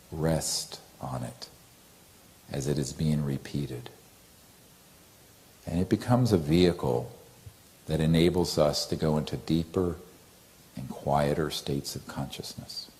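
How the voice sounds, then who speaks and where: A man leading a guided meditation, speaking softly and gently with long pauses and chanting a mantra in a drawn-out tone. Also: a bass voice.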